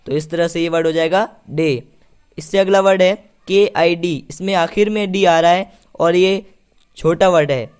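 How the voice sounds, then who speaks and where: A man gives a patient pronunciation lesson in a high, smooth, clear voice. He repeats each point and then asks it back to the listener as a question. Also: darkish tone. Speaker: English pronunciation teacher. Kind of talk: spoken lesson.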